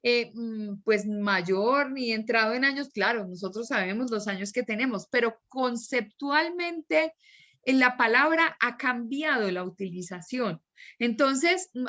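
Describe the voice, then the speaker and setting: A woman's voice: on the high side, sharp tone, dull audio. A woman teacher explaining at length and working through examples during an online class.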